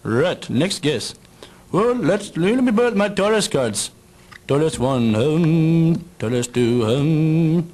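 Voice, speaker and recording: A man doing a smooth radio psychic host. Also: on the high side, animated, slow pace, a little mellow. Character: smooth-talking male radio psychic host, sleazy and showy. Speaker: call-in show host.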